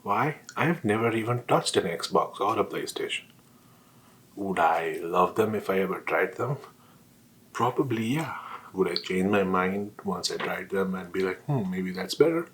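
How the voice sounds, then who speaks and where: A man's voice: deep voice, measured pace, a bit bright, slight background noise, low-quality recording. A man on a casual solo rant, talking while eating with his mouth sometimes full, often asking questions and answering them himself. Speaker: vlogger.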